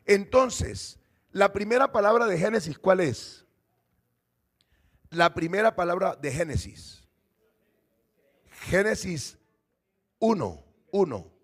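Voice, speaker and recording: Male pastor, high voice; teaching sermon that quizzes the congregation. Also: very animated, slow pace, long pauses. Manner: teaching, asks the congregation questions.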